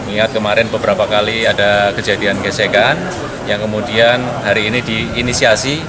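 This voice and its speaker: A man in his forties, a police official, speaking in formal official phrasing at a press interview. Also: lowish voice. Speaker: deputy police chief, interviewee. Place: open-sided event hall, press doorstop. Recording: loud crowd chatter behind interview.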